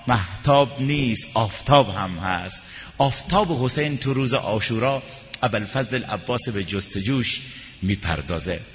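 A man giving a religious sermon, moving from soft mournful recitation to raised, emphatic preaching. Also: mid-range voice, in a large hall, slight background noise.

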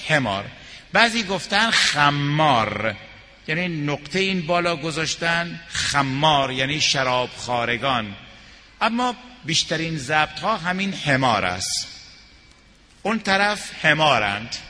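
A man giving a religious sermon, moving from soft mournful recitation to raised, emphatic preaching. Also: fairly high pitch, big-room sound.

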